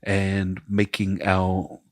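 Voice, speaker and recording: A man's voice: low-pitched, monotone, very slow, no room sound. A middle-aged man with a New Zealand accent, hosting a casual podcast chat and telling long stories, acting out the voices of people he quotes. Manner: rambling storyteller, acts out quoted voices. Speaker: podcast host.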